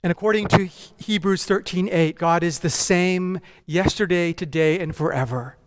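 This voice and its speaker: A man born in Japan and raised in North America, preaching a measured, emphatic conference sermon as senior pastor that builds through repeated phrases. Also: high-pitched. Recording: long hall reverb.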